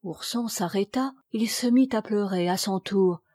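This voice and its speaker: Slow-reading woman narrator. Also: medium pitch, a little mellow, dry recording, studio quality. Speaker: audiobook reader. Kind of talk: scripted storybook narration.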